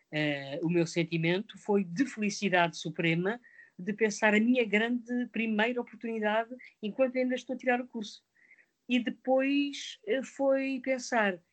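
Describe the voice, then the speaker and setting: Reflective woman in her fifties. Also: medium pitch. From Mozambique. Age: 50s. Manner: reflective, many hesitations. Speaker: actress guest. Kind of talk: interview answers.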